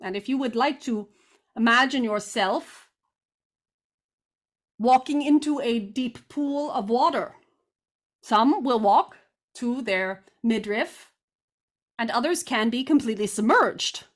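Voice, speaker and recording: A woman channeling guidance like a seance medium, with formal, deliberate, stilted phrasing. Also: a little high. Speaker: trance channeler giving guidance.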